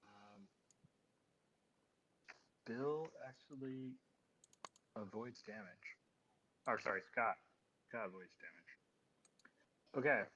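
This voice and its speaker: Male GM, halting and unhurried, mid-pitched, lo-fi audio. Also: bright, forceful tone. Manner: hesitant, thinking aloud with many ums. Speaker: game master. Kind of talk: running a tabletop game session. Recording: dull lo-fi audio with faint noise.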